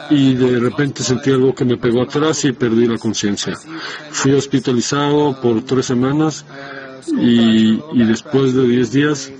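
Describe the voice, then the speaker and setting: A man giving a spoken testimony in a halting, hesitant way, breaking off and restarting his sentences. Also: medium pitch, darkish tone. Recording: dull lo-fi sound.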